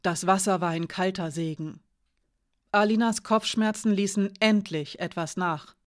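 A woman narrating a novel as an audiobook, in a measured, expressive reading. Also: medium pitch.

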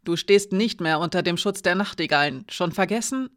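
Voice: mid-range voice, normal speed, natural voice. A reader voicing Alina, a shaken young woman warrior. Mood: resigned. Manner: urgent, then quiet and defeated. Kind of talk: audiobook character reading.

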